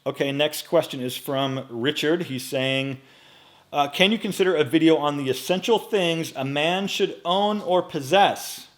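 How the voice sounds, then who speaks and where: A man in his late forties answering viewer questions in a casual vlog, relaxed and chatty with frequent fillers, recorded on a microphone in front of him in a home studio. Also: on the high side, unhurried. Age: 40s. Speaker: men's style YouTuber.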